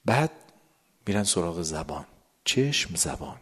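Deep-voiced man giving a slow sermon. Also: sing-song, fairly bright tone, slightly rough. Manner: drawn-out words, sudden drops to a whisper. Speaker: religious lecturer. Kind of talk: sermon explaining a prayer text. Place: gathering with a live audience.

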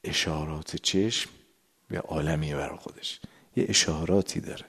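A man preaching to a gathering with a very deep, low voice. He lingers over words and slows down for emphasis. Now and then he sinks to a near-whisper. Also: a bit bright, breathy edge. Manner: drawn-out words, sudden drops to a whisper. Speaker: religious lecturer. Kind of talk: sermon explaining a prayer text. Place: gathering with a live audience.

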